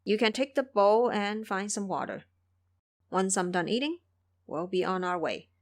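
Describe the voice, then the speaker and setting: A woman voicing a pious, gloomy male monk in an audio drama, plaintive and gently scolding. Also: medium pitch, moderate pace, close to an everyday voice. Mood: resigned. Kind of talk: audio drama character acting.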